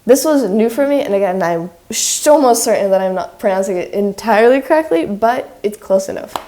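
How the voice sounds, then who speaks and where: A woman's voice: medium pitch, animated, fairly quick, dark tone, a little hiss or hum. A woman casually explaining pronunciation sounds and tones, demonstrating them aloud in a tentative, chatty way. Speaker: language-learning video creator.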